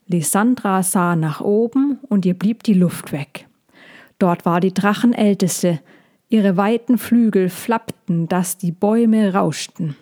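A woman narrating a children's fantasy story in a slow, soothing reading. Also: medium pitch, mellow.

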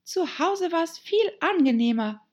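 Woman doing a high, girlish, anxious storybook heroine, breathy and animated. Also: measured pace. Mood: musing. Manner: anxious, stammering self-talk. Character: girl Alice, worried and chattering to herself. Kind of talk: audiobook character voice.

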